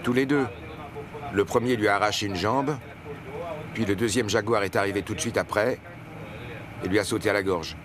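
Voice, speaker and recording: Casting: male actor as a boat captain in a nature documentary, lowish voice, grim storytelling, background bustle. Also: moderate pace, pauses often, crowd noise, lightly acted. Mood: grave recounting. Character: boat captain recounting a grim warning tale. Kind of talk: documentary voice-over translation.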